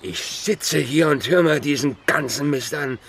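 An actor playing a touchy, beer-drinking buddy in a radio drama, crude and blustering, quick to take offense. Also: male voice, on the high side, vocal fry, fairly bright tone. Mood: indignant.

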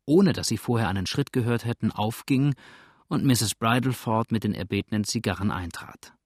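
A man narrating an audiobook in a measured, plain storytelling way. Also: fairly low pitch, slightly rough, no echo, clean studio sound.

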